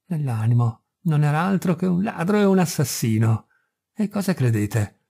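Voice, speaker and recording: A raving, feverish first mate spits scorn and mockery at the crew, as a man reading the story voices him. The voice is gravelly and dark, climbing into shrill, taunting shrieks. It sounds like a classic audiobook performance. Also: animated, moderate pace, full character voice. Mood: brooding menace. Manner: ranting, mocking, shrill when furious. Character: delirious sick first mate, male, spiteful and unhinged.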